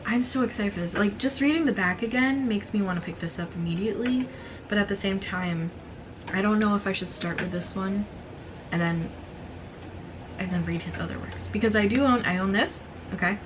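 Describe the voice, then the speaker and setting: Excitable girl doing a casual book haul, bit of vocal fry, strained throat, noisy background. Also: medium pitch, fairly quick. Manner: excitable, gushing asides. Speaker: book vlogger presenting a thrifted book haul.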